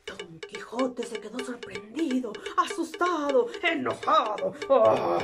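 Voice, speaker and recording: A woman storyteller telling a children's tale in a lively, sing-song, theatrical way with playful whispers. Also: high voice, takes it slowly, music in the background.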